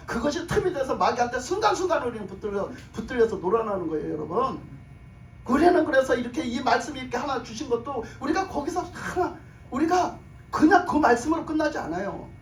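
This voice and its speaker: Lady pastor preaching hard, asks the crowd questions then yells, roomy echo, mic kinda far off. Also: high voice, expressive, quick pace. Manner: emphatic, rising to shouts, rhetorical questions. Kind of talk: sermon. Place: church sanctuary. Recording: echoey hall, mic from a distance, faint room noise.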